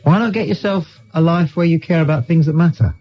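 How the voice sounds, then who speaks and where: A British man hosts a late-night radio phone-in, arguing bluntly and dismissively and insistently repeating himself. His voice is a little high and fast, with soft background music, in a dull lo-fi radio recording.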